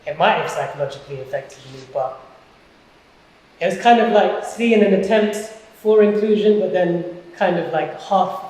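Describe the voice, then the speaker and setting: A young man talks in a wry, animated way. His voice sits a bit high. A heavy echo surrounds him. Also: moderate pace. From London. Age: young adult. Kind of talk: interview answer. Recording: very echoey room.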